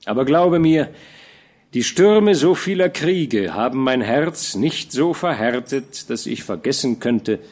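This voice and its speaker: A seasoned old war commander, voiced by a man reading an audiobook, kind and paternal beneath his authority. He speaks warmly and evenly, lifting his voice with lively pitch as he reassures. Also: takes it slowly. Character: veteran male army commander, fatherly and kind.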